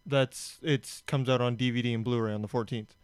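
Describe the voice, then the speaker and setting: A man's voice: medium pitch, steady tone, fairly quick, clean tone, no echo, clean studio sound. A young man in a casual group chat, matter-of-fact and explaining things plainly.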